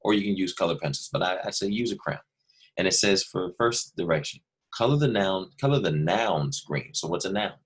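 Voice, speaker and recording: Guy teacher w a deep husky voice, goes over a worksheet slow n patient for little kids. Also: lively intonation. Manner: patient, explains step by step, repeats points. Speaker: second grade teacher. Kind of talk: remote lesson walkthrough.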